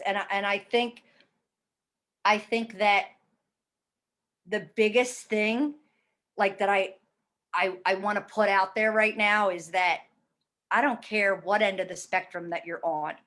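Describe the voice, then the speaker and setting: Speaking in a medium-pitched, somewhat bright voice, a woman in her 40s gives a frank testimonial about her time as a fitness program client. She is emphatic and swears bluntly and casually in conversation.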